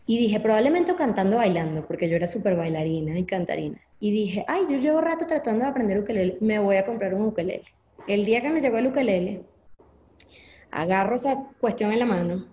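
A woman's voice: medium pitch, animated, brisk, warm tone. A young woman with a Venezuelan Spanish accent tells her story candidly as an interview guest. She brings it alive by acting out her own past thoughts. The recording has a roomy echo and a slightly muffled, dull tone. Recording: echoey, slightly dull audio.

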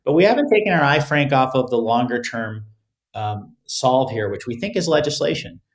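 Halting male interview guest. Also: medium pitch, lively intonation. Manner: halting, repeats words as he starts phrases. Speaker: podcast guest, crypto legal expert. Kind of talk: considered interview answers.

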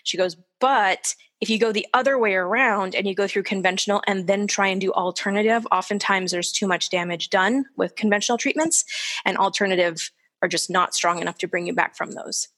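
A woman in her forties telling her own story in casual conversation, candid and animated, acting out the people she quotes. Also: medium pitch, fairly quick. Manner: candid and animated, quoting others in lively voices. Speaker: guest. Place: lives in the desert southwest of the US.

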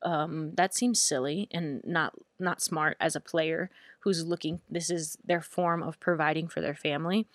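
A woman hosting a sports podcast, her voice sitting fairly low. She talks in a lively, incredulous way and often restarts words mid-sentence. The sound is dry and close. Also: measured pace, hardly any pauses, no echo. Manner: animated, laughs in disbelief, restarts words. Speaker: podcast host. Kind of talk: sports podcast talk with read ads.

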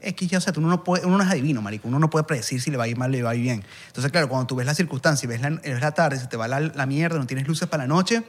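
A man with a Venezuelan accent, a video director telling animated stories on a casual podcast, acting out quotes and swearing freely. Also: medium pitch, rapid-fire, few pauses. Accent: Venezuelan Spanish. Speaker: guest, music video director.

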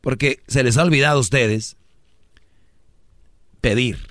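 Brash Mexican male host, mid-pitch, dry studio, comic sermon on dating. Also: normal speed, fairly bright tone, dry recording. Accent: Mexican Spanish. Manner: brash, preachy, mimics voices for jokes. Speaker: radio host giving dating advice. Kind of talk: comic radio monologue.

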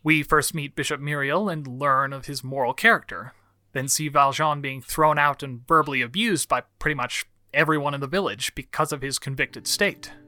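A man reading scripted, analytical video essay narration in an articulate way, with measured emphasis. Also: a little high, sharp tone, no echo.

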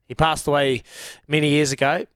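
A man's voice: a little high, little pitch movement, normal speed, clear, resonant tone, no echo, studio quality. A man with a broad New Zealand accent hosting sports radio, bantering casually in a blokey, slangy way.

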